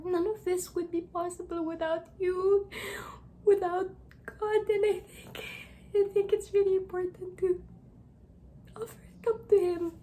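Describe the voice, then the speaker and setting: A woman's voice: very high voice, level tone, measured pace, dark tone. A woman acting a tearful new lawyer. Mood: tender, tearful. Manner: emotional, laughing through tears. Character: young woman tearfully celebrating passing the bar.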